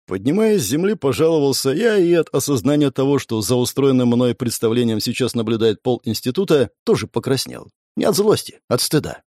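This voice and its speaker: A man narrating a first-person audiobook in a lively, expressive reading. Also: mid-range voice, fairly quick, hardly any pauses, dry recording, studio quality.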